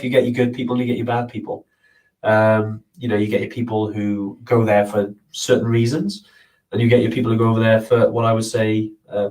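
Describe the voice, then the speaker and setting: A man's voice: mid-range voice, darkish tone. A man hosting a casual live question-and-answer show, answering viewers in an earnest, rambling way. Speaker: host of a trekking live show. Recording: voice a bit far from the mic.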